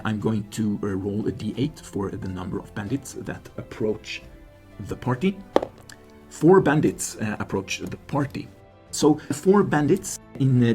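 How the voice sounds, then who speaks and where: A man's voice: on the low side, warm tone. A man hosting and narrating a solo tabletop game, thinking aloud hesitantly with many fillers. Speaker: solo game player and host.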